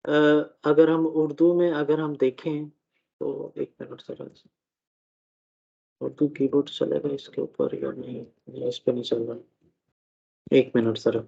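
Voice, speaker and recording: A man teaching a live online German class, who talks slowly, checks in often and uses many fillers. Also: medium pitch, fairly even intonation, creaky, mellow, slightly rough. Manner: slow, repeats "theek hai" often, fillers. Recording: dull lo-fi audio.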